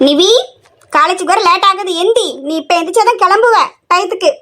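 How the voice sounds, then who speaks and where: Woman as a nagging middle-aged mother, high-pitched, constant scolding; comedy skit. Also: fairly quick, pushed and bright. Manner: scolding, complaining nonstop.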